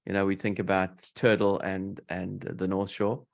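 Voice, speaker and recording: A man's voice: deep voice, flat delivery, moderate pace, vocal fry. A man with a South African English accent hosting a casual interview, playfully teaching slang. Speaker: host.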